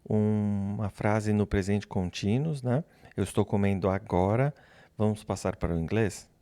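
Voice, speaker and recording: A man teaching English grammar, speaking slowly and patiently, repeating example phrases and pausing so learners can answer. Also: lowish voice, steady tone, warm tone, no echo. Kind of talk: slow, patient classroom explanation.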